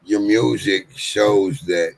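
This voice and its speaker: This laid-back interviewer, a man in his late forties, keeps the casual conversation encouraging and peppered with swearing. His fairly low, gravelly voice comes slowly, and the recording quality is low.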